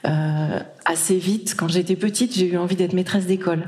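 A woman's voice: lowish voice, steady tone, moderate pace, a little mellow. A woman from Brittany giving a live conference talk in a hall, chatty, with many fillers and restarts. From Brittany, France. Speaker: conference speaker.

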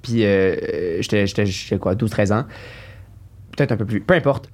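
A man's voice: on the low side, normal speed. A man with a Québécois French accent hosting a podcast, chatty and full of short reactions. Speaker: podcast host. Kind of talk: casual chat.

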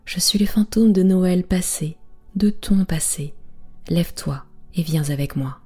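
A woman voicing a calm, glowing Christmas spirit in a whisper in a bedtime story. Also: fairly low pitch, measured pace, husky, soft background music.

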